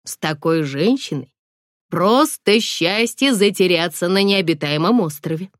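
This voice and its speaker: A woman voicing a calm, dryly mocking young man from an audiobook romance, in a slightly lowered voice. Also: measured pace, no room sound, studio quality. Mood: teasing.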